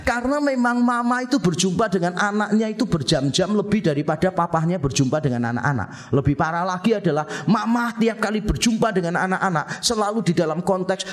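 A middle-aged male pastor preaching a sermon, asking rhetorical questions, answering them himself, and repeating phrases for emphasis. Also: sits high.

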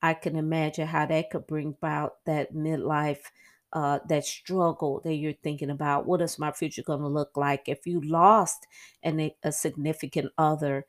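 A middle-aged woman with a fairly low-pitched voice talks on her own as a podcast host. She is chatty and animated, and her voice springs up high whenever she acts out a quoted aside. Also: moderate pace. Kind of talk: casual solo podcast monologue.

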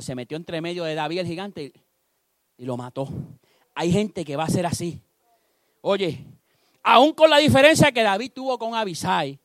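A man preaching a sermon, telling a story with animated delivery and acting out the characters. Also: high voice, no room sound, clean studio sound.

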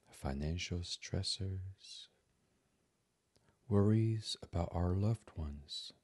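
A meditation podcast host, a man with a deep, breathy voice, guides a bedtime relaxation in ASMR style. He speaks very slowly and softly in a hushed, soothing way, often slipping almost into a whisper. The recording is close and dry, with no room sound.

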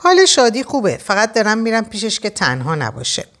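A woman's voice: mid-range voice, big pitch swings, a bit bright, pitched above the performer's own voice. A woman voicing an agitated young man in a desperate hurry, urgent and exasperated.

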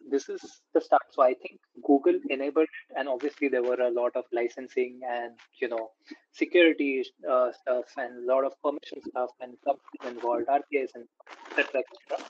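A man's voice: medium pitch, steady tone, brisk, a little mellow, no echo. A man from India chats about tech news in a loose way, leaning on fillers. The recording is dry and somewhat muffled. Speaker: podcast co-host. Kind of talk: casual tech chat.

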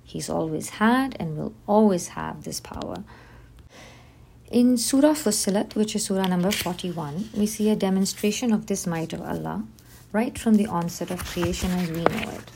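A woman host giving a scripted religious lesson, reading definitions in slow, measured lists. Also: lowish voice, gravelly, darkish tone, slight background noise. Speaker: podcast host teaching on Islam.

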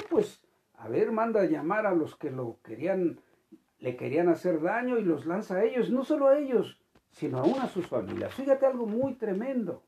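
A preacher, delivering a sermon with emphatic swings between loud and quiet and frequent repeated phrases. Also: mid-range voice.

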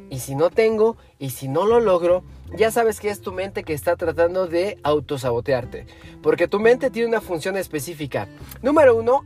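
High-voiced man giving self-help advice. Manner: animated, with rhetorical questions and numbered steps. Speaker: motivational speaker. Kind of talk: self-help talk to the listener.

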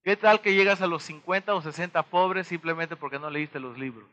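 A man with a Mexican accent giving a motivational talk to an audience, pausing to throw them rhetorical questions and act out little dialogues. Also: on the high side, sharp tone. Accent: Mexican Spanish. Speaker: motivational speaker.

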